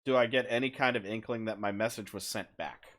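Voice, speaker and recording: A man's voice: fairly low pitch, brisk, a bit bright. A man playing a tabletop game with dry, offhand humor. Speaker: player.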